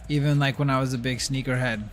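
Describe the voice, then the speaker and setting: A man's voice: mid-range voice, steady tone, fast, soft background music. Blunt, profane gaming streamer man. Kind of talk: casual livestream chat while gaming.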